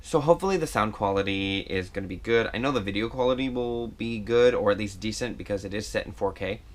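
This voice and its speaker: A makeup vlogger with a lowish voice talks fast while filming a makeup tutorial at home on an action camera. His casual chat is loose and rambling with fillers, and he pokes fun at himself.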